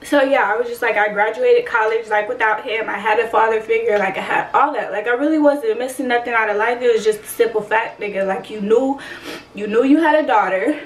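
Twenties woman vlogging, swears a lot, kinda high voice, echoey room w/ faint background hum. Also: fairly even intonation, a little fast, hardly any pauses. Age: 20s. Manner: blunt, profane, emotional storytelling. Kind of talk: casual storytime monologue. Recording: roomy echo, distant from the mic, faint ambient noise.

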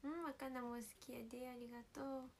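Teenage woman, Kansai accent, higher voice, hushed casual livestream chat through a sore throat, on a phone mic with faint noise. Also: flat delivery, fairly quick. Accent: Kansai Japanese. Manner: soft-spoken, often drops to a whisper. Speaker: idol livestream host.

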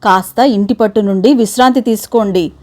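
A woman voicing a fretful, sharp-tongued older wife, sarcastic and anxious, in a read-aloud story. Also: mid-range voice, fairly quick, natural voice. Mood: anxious scolding.

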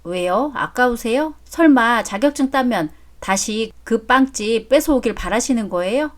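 A woman voicing a polite young daughter-in-law who speaks softly and respectfully in a story drama. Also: on the high side, lively intonation, unhurried. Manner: polite, soft-spoken. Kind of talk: story drama read aloud.

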